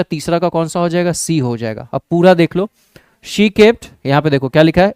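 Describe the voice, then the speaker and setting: Indian male English teacher, crisp voice. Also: on the high side, darkish tone, no echo. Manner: checks in with the class, calls students "babu" and "bhai"; reads English sentences out slowly and deliberately. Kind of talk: exam-prep lesson.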